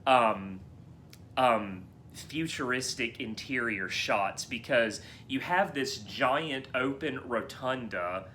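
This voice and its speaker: A man co-hosting a relaxed movie podcast, with a bright, forward voice. He talks in long, eager runs and often restarts his phrases. A faint hiss and a low rumble sit under the recording. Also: takes it slowly. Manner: animated, rambling with many restarts. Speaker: podcast co-host. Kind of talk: casual film discussion chat.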